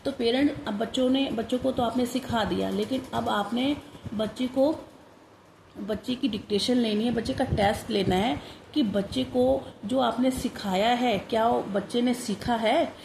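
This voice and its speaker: A woman teacher, slowly giving a phonics dictation lesson for parents and repeating each sound. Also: fairly high pitch, creaky, darkish tone, roomy sound, slight background noise, poor audio.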